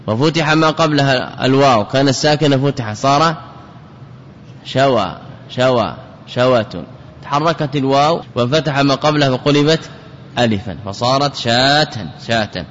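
A man's voice: mid-range voice, fairly bright tone, slight background noise. A man teaching classical Arabic grammar as a scholar, repeating key words and putting questions to his students. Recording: dull lo-fi recording with long hall reverb.

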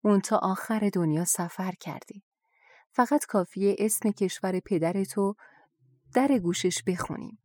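A woman voicing a calm, confident young wife who speaks with quiet assurance. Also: medium pitch, dry recording, studio quality, natural voice. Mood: reassuring.

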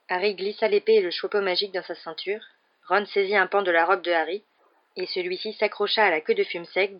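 A woman reads an audiobook aloud in a low, measured voice. Her delivery is even and steady. The recording is muffled and lo-fi. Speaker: audiobook reader. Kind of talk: audiobook narration.

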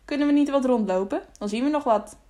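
A woman's voice: high voice, quick pace, dark tone, pitched above the performer's own voice, natural voice. A woman reading the lines of a curious, eager young male traveler in an audiobook. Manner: eager, wondering.

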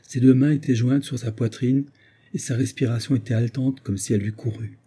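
A man narrating a classic novel in a measured literary reading. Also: mid-range voice, fairly even intonation, dark tone, husky. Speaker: audiobook narrator. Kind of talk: scripted narration.

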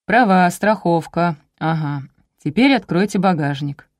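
A woman's voice: on the low side, expressive, unhurried, dry recording, studio quality. A woman voicing a brusque male traffic police officer who barks curt orders, in an audiobook. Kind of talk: audiobook character voice.

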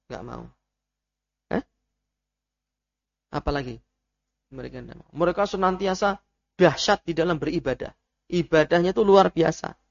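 A man with a Javanese accent giving an Islamic study lecture, telling stories in an animated way with Javanese asides and Arabic terms. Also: sits high, gravelly. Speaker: religious teacher. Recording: muffled lo-fi lecture audio.

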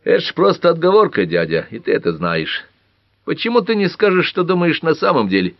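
A combative young man of twenty-one pushes back bluntly, as a male narrator puts him on. The voice is raised and lively, and the reading sits dry and close. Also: fairly high pitch, fairly quick, no room sound, highs cut off, pitched above the performer's own voice. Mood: defiant. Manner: blunt, defiant.

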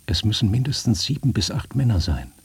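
A man's voice: fairly low pitch, very animated, a little fast, a little mellow, slightly rough, exaggerated voice. A man voicing a brave young forester's daughter, speaking firmly and plainly. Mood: resolute. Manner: firm, plain-spoken.

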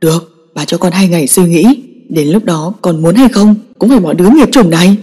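A woman voicing a furious, domineering old father who shouts harsh commands at his daughter. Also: fairly low pitch, brisk, slightly rough, voice pushed down. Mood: stern. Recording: long echoing reverb.

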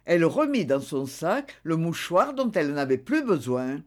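A woman reading a novel aloud as narrator, in a measured literary way. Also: sits low, very animated, darkish tone. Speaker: audiobook reader. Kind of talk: scripted narration.

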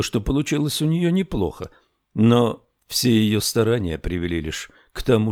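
A man narrating a thriller audiobook in a slow, measured storytelling manner. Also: lowish voice, darkish tone, dry recording, clean studio sound.

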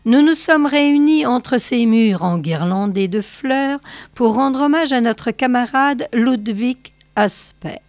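A woman's voice: on the high side, slow pace, a little mellow, dry recording, voice pushed up. Lady doing an old central european gent orating, all grand and pompous, dry close sound. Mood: solemn. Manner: grandiloquent, declaiming.

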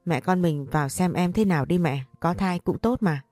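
A woman voicing a calm, reassuring daughter-in-law in a read-aloud story. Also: lowish voice, normal speed, no echo, faint music behind, lightly acted.

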